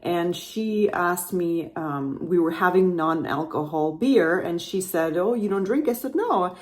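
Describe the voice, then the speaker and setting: A Russian woman hosting a podcast tells her personal story in a chatty, rambling manner, frequently correcting herself mid-sentence. Her voice is on the low side with lively intonation, and she speaks a little slowly.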